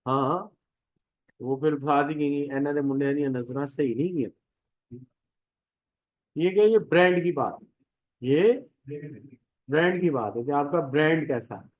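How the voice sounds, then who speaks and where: Economics teacher, middle-aged man, Pakistani Urdu accent, chatty storyteller style, slightly raised pitch. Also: darkish tone, poor audio. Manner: chatty, tells homely anecdotes, addresses students directly. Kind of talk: classroom lecture.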